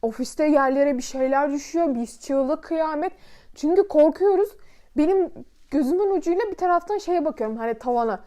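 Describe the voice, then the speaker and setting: Woman, vlogger, emotional vivid retelling, high pitch, mellow dark tone. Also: a little fast. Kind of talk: personal storytelling to camera.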